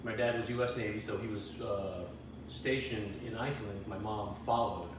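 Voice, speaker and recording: A man's voice: fairly low pitch, steady tone, moderate pace, far from the mic. A middle-aged man being interviewed, telling his life story casually, rambling with frequent restarts. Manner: rambling, restarts often, chuckles now and then. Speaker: interview guest. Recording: echoey room with background noise.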